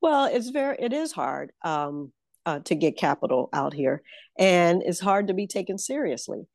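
This woman, a political consultant, speaks in a low, gravelly, animated voice at normal speed as she recounts stories in a conversational interview. She comes across as confident and emphatic, quick to laugh, and the sound is dry and clean, like a studio.

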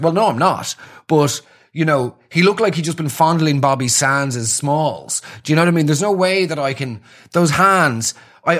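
A man hosting his podcast, telling a rambling, self-deprecating story in a casual solo talk. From Ireland. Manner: rambling, self-deprecating storytelling with sudden animated jumps in pitch. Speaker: podcast host.

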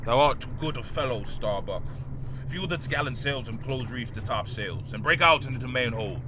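An actor playing an obsessed old whaling captain in an audio drama, imperious and grandiloquent, erupting from brooding mutters into roars. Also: male voice, medium pitch, normal speed, noisy background, lightly acted. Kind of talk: theatrical audio drama acting with archaic speech.

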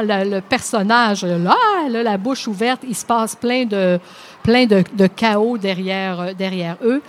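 A woman, presenting comics to a group of children with lively hesitations. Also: medium pitch. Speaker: workshop host for children. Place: library room with children.

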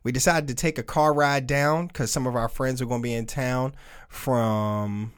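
A relaxed male podcast co-host with a mid-range voice, speaking loosely and conversationally. He swears casually and keeps things light. He talks straight into a podcast mic during a live stream. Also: mid-range voice, normal speed, clean tone. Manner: loose, laid-back and chatty, with casual swearing. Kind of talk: casual chat.

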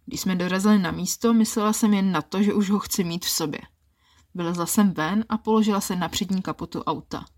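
Female podcast narrator, first-person erotic story, calm and intimate. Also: medium pitch.

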